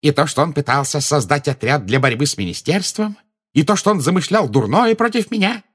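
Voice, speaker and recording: A man's voice: huge pitch swings, very slow, creaky, exaggerated voice. A man voicing a blustering, pompous minister who barks out his words and gloats. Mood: gloating. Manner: shrill, barking exclamations. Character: blustering middle-aged male minister, gleeful and pompous.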